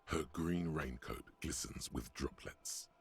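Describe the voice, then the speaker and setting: An actor voicing a game's male narrator, deep and gravelly, with a husky, wry, ominous delivery over faint music. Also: takes it slowly. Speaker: game narrator.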